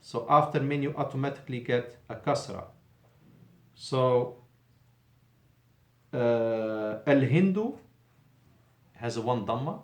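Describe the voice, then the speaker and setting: A man's voice: medium pitch, roomy sound. A male Arabic teacher giving a patient classroom lesson in a mosque, explaining in English and repeating Arabic phrases.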